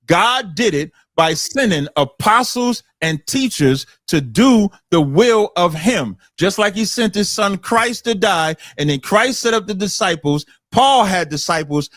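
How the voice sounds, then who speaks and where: A man's voice: high voice, fairly bright tone, dry recording, studio quality. A man in a heated online debate who keeps repeating his questions and cites scripture insistently.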